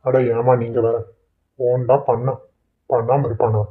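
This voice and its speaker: A man's voice: mid-range voice, little pitch movement, unhurried, natural voice. A man voicing an exasperated adult son in a cartoon, answering his mother curtly and irritably. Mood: irritated. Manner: irritated, curt. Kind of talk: Tamil cartoon voice acting. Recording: tinny phone-like lo-fi audio.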